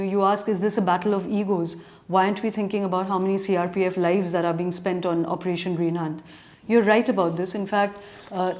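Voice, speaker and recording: Here a journalist fields readers' questions, her mid-range voice a little mellow. Speaking with an educated urban Indian accent, she argues earnestly through long, considered sentences, in the manner of editorial commentary.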